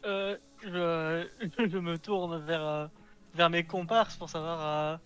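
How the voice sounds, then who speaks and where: A man's voice: a little high, fairly even intonation, slow, a bit bright, a little hiss or hum. A man playing a tabletop role-playing game, chatting casually in a hesitant, amused way as he improvises.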